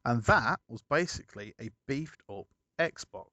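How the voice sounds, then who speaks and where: A man's voice: mid-range voice, lively intonation, measured pace, pushed and bright, no room sound, lo-fi sound. A man chatting casually as a podcast co-host, rambling through a story and correcting himself as he goes. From United Kingdom.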